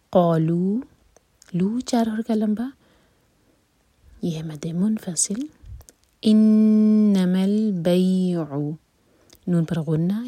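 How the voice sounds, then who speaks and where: Breathy, warm-voiced woman teaching recitation. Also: on the low side, no echo. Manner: slow drawn-out recitation and soft half-whispered explanations. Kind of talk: step-by-step recitation lesson.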